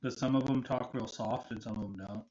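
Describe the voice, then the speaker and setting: A man's voice: mid-range voice, steady tone, a little fast, dark tone. A man streaming a video game, chatting casually and rambling with lots of fillers and restarts. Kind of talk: casual gaming chat. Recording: muffled with faint noise.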